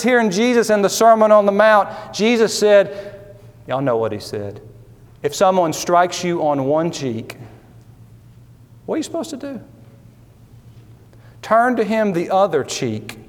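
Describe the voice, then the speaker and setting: A man preaching a sermon, folksy and emphatic, full of rhetorical questions and repeated phrases. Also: high-pitched. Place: church sanctuary. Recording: long hall reverb.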